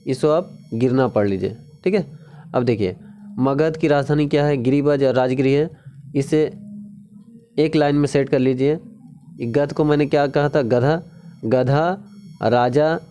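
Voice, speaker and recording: Warm and medium-pitched, a male teacher leads a relaxed exam-prep session, repeating key words again and again. He constantly asks the viewer "ठीक है?" and stretches words into sing-song pronunciation drills.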